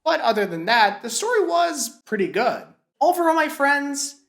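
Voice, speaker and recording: A woman delivers a scripted film review with a lively, swooping voice, still rough from a cold. She slips in playful jokey asides. The room sounds echoey, with faint music underneath. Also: medium pitch. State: recovering from a cold.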